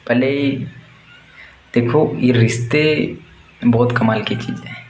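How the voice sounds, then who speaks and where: A slow, steady, darkish mid-range voice belongs to a young warehouse worker giving blunt, crude, fired-up life advice in a casual motivational monologue. There's a roomy echo and faint background noise.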